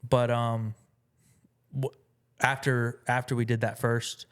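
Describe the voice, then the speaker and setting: A man's voice: medium pitch, flat delivery, slow pace, clean tone. A man talking as a musician guest in a casual interview, rambling with many fillers and restarts.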